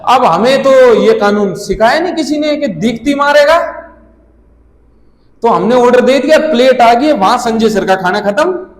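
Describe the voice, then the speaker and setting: A young man doing stand-up storytelling, animated, acting out his friends' lines and swearing freely. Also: very high voice, normal speed. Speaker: stand-up comedian. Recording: echoey hall with long reverb.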